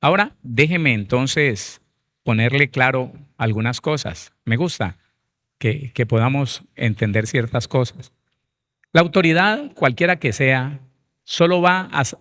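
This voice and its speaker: A man's voice: medium pitch, expressive, measured pace, fairly bright tone. A man, a pastor preaching a Bible seminar who speaks emphatically and addresses his listeners directly.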